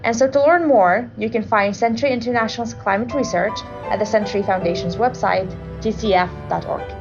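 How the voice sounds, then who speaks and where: A woman from Iraq reads an earnest, scripted promo about her research. Music plays clearly behind her, and the recording sounds somewhat dull and muffled. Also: a little high, a little fast. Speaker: researcher reading a promo spot.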